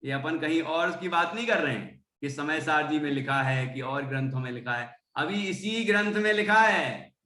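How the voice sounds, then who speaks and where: A man teaching a religious text to students, explaining its meaning and chanting the verses slowly so they can repeat them. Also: fairly high pitch, pushed and bright, roomy sound. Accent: Hindi speaker from Indore, central India. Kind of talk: devotional text lesson with recitation.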